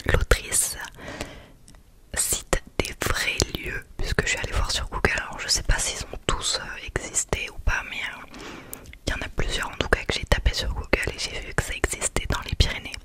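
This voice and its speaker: Whispering woman, hushed library ASMR. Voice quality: soft unvoiced whisper throughout. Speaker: ASMR creator reviewing books. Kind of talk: whispered ASMR book review.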